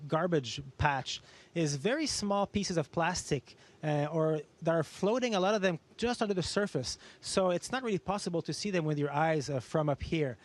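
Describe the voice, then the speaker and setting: A man's voice: on the high side, normal speed. A man speaking as an astronaut in an educational question-and-answer talk, explaining things simply with everyday comparisons. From Canada. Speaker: astronaut guest answering students.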